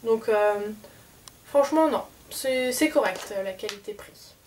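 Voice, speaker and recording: A woman's voice: a little high, expressive, measured pace, darkish tone, far from the mic. Chatty woman filmed from off-mic. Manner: chatty, hesitant with many fillers. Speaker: collector showing souvenirs. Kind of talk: casual unboxing vlog. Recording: off-mic with faint background noise.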